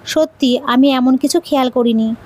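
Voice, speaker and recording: A woman's voice: sits high, moderate pace. A woman doing a teasing young husband. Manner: gently teasing.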